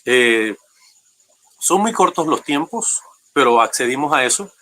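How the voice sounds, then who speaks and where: Bright-voiced Panamanian pastor. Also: male voice, mid-range voice, animated. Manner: courteous, measured, emphatic when questioning. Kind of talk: formal debate speech.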